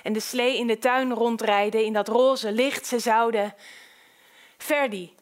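Woman with a fairly high voice, calm, measured audiobook narrator.

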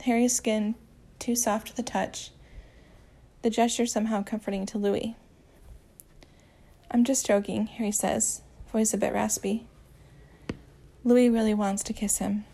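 In an unhurried, gentle, even reading of a romance story, a female audiobook narrator subtly alters her voice for each character's lines. Her pitch is mid-range, with a creaky, gravelly texture.

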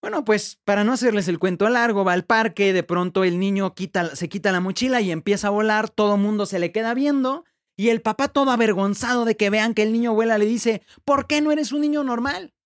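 A man hosts a faith podcast, talking in a conversational way and retelling a story with quick asides and restarts. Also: sits high. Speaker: podcast host. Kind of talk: reflective faith podcast talk.

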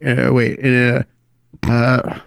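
A man chatting on a podcast in a deadpan, halting way, filling gaps with ums and uhs. His voice sits at an ordinary pitch. The recording is dry, with no room sound. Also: vocal fry, clean tone, no echo. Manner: deadpan, hesitant with fillers. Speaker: podcast co-host playing a robot bit. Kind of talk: casual podcast banter.

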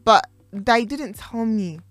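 A woman in her twenties co-hosting a podcast, talking with emphatic energy and loud laughs. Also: a little high, slow, no echo. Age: 20s. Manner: animated, laughs loudly, emphatic. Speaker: podcast co-host. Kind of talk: casual chat.

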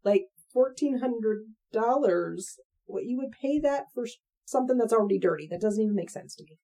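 A woman co-hosting a podcast in casual chat, with wry jokes and quick reactions. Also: on the high side, animated, dark tone. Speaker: podcast co-host.

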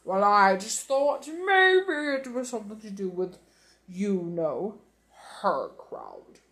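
A woman's voice: medium pitch, wildly swooping pitch, slow, a bit bright, voice pushed down, exaggerated voice. A woman doing a nervous, mumbling middle-aged husband. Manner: hesitant, mumbling.

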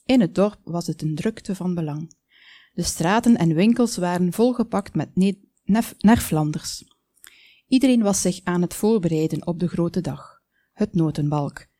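A woman calmly reading a children's story aloud, with small slips now and then. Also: on the low side, measured pace, no room sound. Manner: calm, with small slips and asides.

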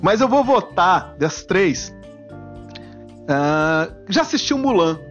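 A man in his forties hosts a comedy podcast, cracking jokes about guests' stories. His voice sits high and swings widely. The audio is dull, with faint music underneath. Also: takes it slowly. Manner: jokey, animated, acts out silly voices. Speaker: podcast host. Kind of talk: casual comedic podcast commentary.

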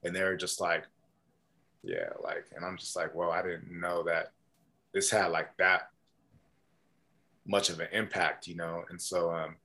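A man telling stories as a podcast guest in a casual, animated way, with many fillers and restarts. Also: low voice, measured pace, gravelly, long pauses. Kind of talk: casual storytelling.

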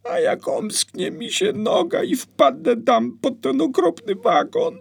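A man's voice: extremely high pitch, very animated, slow pace, gravelly, pitched above the performer's own voice, exaggerated voice. A man voicing a small, frightened, half-blind boy in a strained, raised voice for an audiobook. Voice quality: voice pushed far up, strained.

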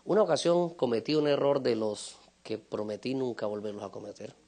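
A male pastor preaching a sermon, telling stories with animated voices and sudden shouts. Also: mid-range voice, brisk. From Latin America. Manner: animated storytelling, acting out voices and shouting at peaks.

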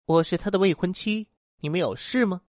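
A man's voice: high-pitched, brisk, dry recording, clean studio sound, voice pushed up, close to an everyday voice. A man voicing a sly, scheming young woman in a told ghost story, with a mocking, coaxing way of talking. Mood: coy, scheming.

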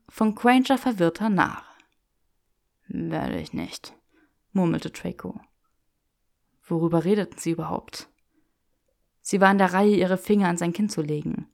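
A woman reading a story aloud in calm, steady narration. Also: mid-range voice, normal speed, creaky. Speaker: audiobook reader. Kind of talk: fan fiction read aloud.

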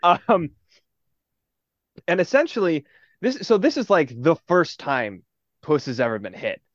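A young man chats casually on a podcast, his pitch swinging widely as he gets worked up. He sits slightly high for a man and laughs through his retelling. The sound is dry and a little dull and lo-fi. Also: measured pace, no echo. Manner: animated, laughing, swearing, acts out quotes. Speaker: podcast co-host. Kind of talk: casual chat.

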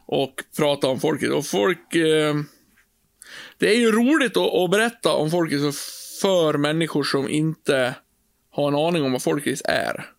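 Gravelly, fairly high-voiced man chatting. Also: no echo. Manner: animated storyteller, swears freely. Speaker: podcast co-host. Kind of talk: casual chat.

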